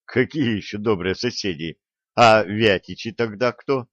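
A man voicing a skeptical, quick-witted wandering hero in an audiobook, pressing with questions. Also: lowish voice, fairly bright tone, no echo, muffled recording. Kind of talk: audiobook character reading.

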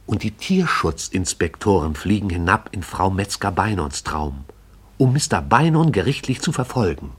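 A radio play is narrated by a man whose voice is slightly low and husky. He reads the scripted broadcast drama in a measured, storytelling manner that is also expressive.

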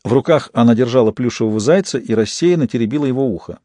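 A male audiobook narrator with a mellow, dark tone and a measured, even delivery. The recording is dry and close, with no room sound. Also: mid-range voice, no echo. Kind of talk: scripted narration.

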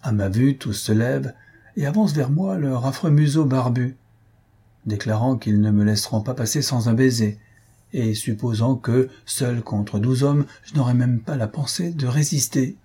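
A man voicing Minella, a bold and merry sixteen-year-old girl, in a lively storytelling manner with a very husky voice. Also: mid-range voice, normal speed.

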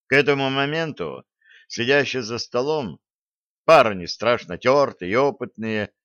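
A man's voice: mid-range voice, a bit bright, smooth, no echo. A man narrating a first-person adventure audiobook in a dramatic, vivid storytelling manner. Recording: dull lo-fi dry audio.

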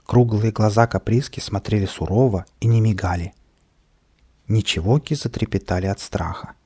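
Gravelly male storybook narrator. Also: fairly low pitch, normal speed, darkish tone. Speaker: audiobook narrator. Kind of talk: children's storybook reading.

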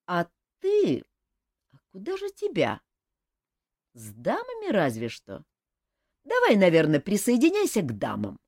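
A woman reading an audiobook, voicing a calm young king who teases with dry humor. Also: medium pitch, a little slow, pauses often, no echo, voice pushed up, full character voice. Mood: teasing. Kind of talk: audiobook character voice.

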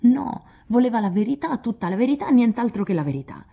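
A woman's voice: fairly high pitch, sing-song, a little fast, vocal fry, mellow, voice pushed up, heavily acted. A woman reading aloud, voicing a hot-tempered, proud young man who blusters indignantly.

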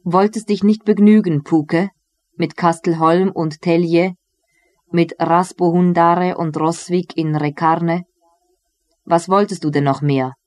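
A cruel medieval nobleman mocks and commands his prisoners, as a reader puts him on. The delivery is slow and deliberate. The sound is dry and close. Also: medium pitch, fairly even intonation, dry recording, lightly acted. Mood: accusing. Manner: scornful, commanding. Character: ruthless mocking medieval male lord.

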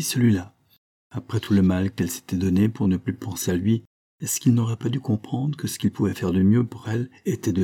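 Husky, mellow male storybook narrator. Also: fairly low pitch. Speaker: audiobook reader. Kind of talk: scripted narration.

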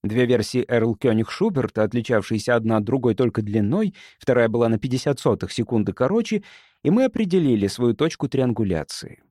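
A man reading a first-person audiobook in an expressive, dramatic way. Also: medium pitch, fairly quick, dry recording. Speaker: audiobook narrator.

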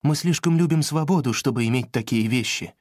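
A woman's voice: extremely low pitch, brisk, a little mellow, no echo, studio quality, voice pushed down. A woman reading a storybook aloud and voicing a carefree young male wind fairy in an easygoing way.

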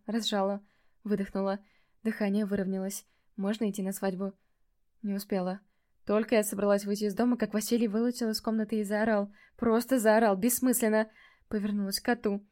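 A woman reads a first-person fantasy story aloud in a mellow, warm voice. Her storytelling is measured, turning livelier when she speaks the dialogue and dropping softer in reflective moments. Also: mid-range voice. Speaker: audiobook narrator.

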